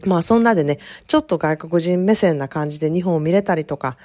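Low-voiced woman with an Osaka accent. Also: quick pace. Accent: Osaka Kansai dialect. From Japan. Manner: relaxed storytelling with frequent fillers and small laughs. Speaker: podcast host, self-care consultant. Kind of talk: casual chatty monologue.

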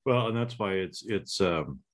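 This American podcast host, middle-aged, has a low, animated voice and talks a little slowly. His casual interview chat wanders, full of restarts and tag questions like "right?"

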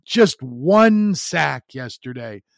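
A man's voice: fairly high pitch, sing-song, slow, gravelly, dry recording, studio quality. Blunt, emphatic male sports commentator. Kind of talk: opinionated sports commentary monologue.

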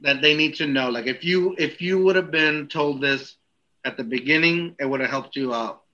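Joking guy hosting a casual chat, bright voice, kinda dull lo-fi audio. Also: a little high, normal speed. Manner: joking, laughs often. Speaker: podcast host reading listener questions.

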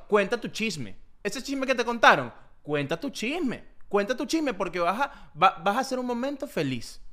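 A man's voice: high-pitched, a bit bright. A man co-hosting a podcast in playful, jokey casual chat. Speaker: podcast co-host.

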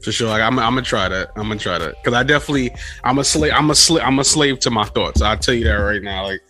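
A man with a bright, forward voice chats as an interviewer. He is candid and informal and repeats his phrases for emphasis. Faint music runs behind him. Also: medium pitch, fast. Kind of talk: casual conversational interview.

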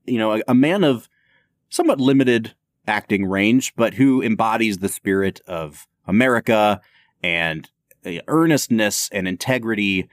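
A man's voice: on the low side, lively intonation, normal speed, no echo, studio quality. A man co-hosting a podcast, chatting casually and opinionatedly about a film, laughing often. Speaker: podcast co-host.

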